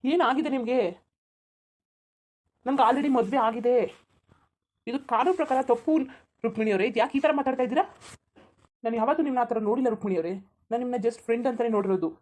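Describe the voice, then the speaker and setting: A woman's voice: fairly high pitch, very fast, a little mellow, natural voice. A woman voicing a flustered, polite young married man in a cartoon, pleading with someone to stop. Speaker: cartoon character. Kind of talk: Kannada cartoon voice acting.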